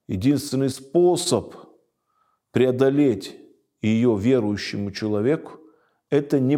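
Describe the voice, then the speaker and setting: Thoughtful man with a dark voice. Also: medium pitch. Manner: thoughtful, pauses with hesitation sounds. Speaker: religious teacher reading a book aloud. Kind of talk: reading with spiritual commentary.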